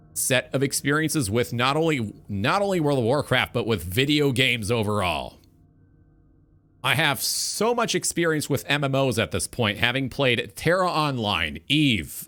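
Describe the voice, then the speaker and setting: Over background music, a twenty-something streamer and talk show host vents about video games in a loose livestream rant. His medium-pitched voice sounds pushed and bright, and he's emphatic and rambling with some swearing.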